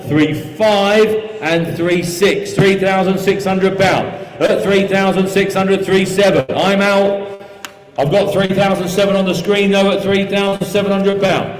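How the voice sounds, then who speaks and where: A man calling a live auction, chanting and repeating bids and figures as auctioneer. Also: high-pitched. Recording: echoey hall sound with music behind.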